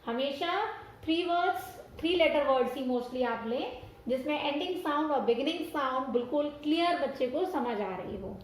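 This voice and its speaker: A woman's voice: sits high, animated, moderate pace, very echoey, a little hiss or hum, poor audio. A woman teaching a phonics lesson for parents, sounding out words letter by letter and mixing Hindi with English. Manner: spells words letter by letter and sounds each one.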